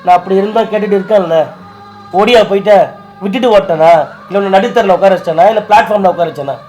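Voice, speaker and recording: A man's voice: high voice, fast talker, darkish tone, soft background music. A man who is crying as he pleads with his wife and tries to reassure her. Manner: tearful, pleading and consoling. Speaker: husband in a staged prank video. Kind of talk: emotional scripted couple conversation.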